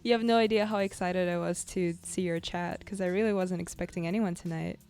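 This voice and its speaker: A woman's voice: fairly low pitch, fairly even intonation, fairly quick, a little mellow, smooth. Chatty woman livestreamer over music. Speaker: art livestreamer. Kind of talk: casual livestream chat while drawing. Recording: music behind the voice.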